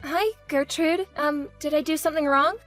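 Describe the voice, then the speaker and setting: A woman's voice: sits high, normal speed, a bit bright, soft background music. A woman playing a meek, polite daughter-in-law in a scripted audio drama, apologetic and eager to please. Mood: polite, uneasy. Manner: apologetic, placating.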